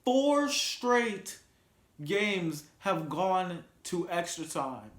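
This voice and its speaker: A man's voice: high-pitched, sing-song, drawn-out words, a bit bright. A man hosting a casual vlog, rambling through sports and reality-show talk with frequent restarts. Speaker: vlog host. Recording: roomy echo.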